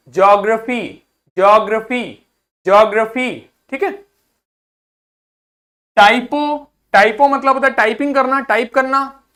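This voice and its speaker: A man's voice: extremely high pitch, a bit bright. A man teaching a vocabulary lesson to students, explaining word roots in Hindi mixed with English terms, breaking words into syllables and having the class repeat them. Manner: drills pronunciation, breaks words into parts, asks class to repeat. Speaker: school teacher.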